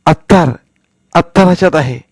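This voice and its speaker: Nervous stammering village boy, pitched up high, voiced by a male storyteller, dry close storybook reading. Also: normal speed, no echo, close to an everyday voice. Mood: anxious. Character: scared young village boy.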